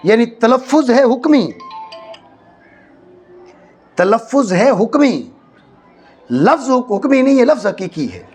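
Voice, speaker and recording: A man from Pakistan teaching a classroom lecture, often stopping to check that students follow and slowly repeating key phrases for stress. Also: very high voice, sing-song, a little mellow, breathy edge, soft background music. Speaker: teacher of Arabic grammar. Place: madrasa classroom.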